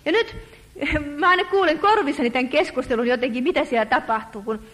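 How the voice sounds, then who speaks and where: A woman preacher giving an earnest sermon, speaking to her listeners as friends and slowing down to stress her points. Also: sits high, a bit bright. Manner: earnest, addresses listeners as friends, slows for emphasis. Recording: reverberant hall.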